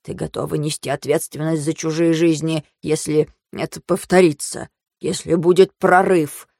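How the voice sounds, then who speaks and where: A woman voicing a stern old male mentor who lectures and shouts in anger. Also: lowish voice, a little slow, dry recording, clean studio sound. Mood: shouting.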